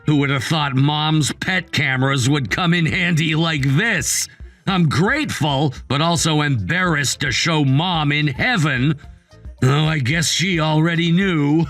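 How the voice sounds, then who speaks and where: A man's voice: fairly high pitch, a little slow, fairly bright tone, dry recording, faint music behind. A man voicing a betrayed young husband in a dramatized text story, curt and icy. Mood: cold.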